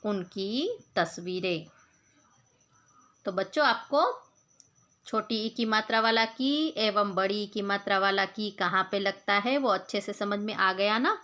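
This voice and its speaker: A woman teacher talks very slowly and patiently to young pupils. She repeats each point, asks the class questions and answers them herself. She drops in the odd English word and spells words out sound by sound. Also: medium pitch, sharp tone. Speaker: school teacher. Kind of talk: Hindi grammar lesson for children.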